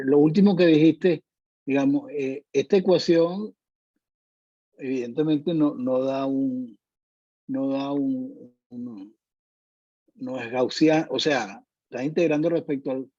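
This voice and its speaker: Man asking a question at a math seminar, mellow low-ish tone, stumbles over words, dry muffled call audio. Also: slow pace, pauses often, husky, dry recording. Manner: hesitant, searching for words. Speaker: audience member asking a question. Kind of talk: academic question.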